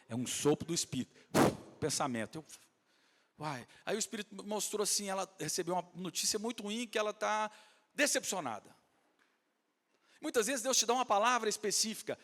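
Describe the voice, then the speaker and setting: A man preaching a sermon, telling a story animatedly, swinging from hushed asides to shouts. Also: high voice. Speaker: pastor. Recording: long hall reverb.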